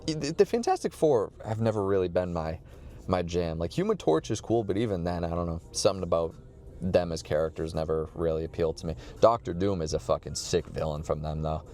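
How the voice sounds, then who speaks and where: A man's voice: low-pitched, expressive, fairly quick, warm tone. A man chatting casually in a rambling, slangy, profane way with a laid-back stoner drawl. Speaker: vlogger.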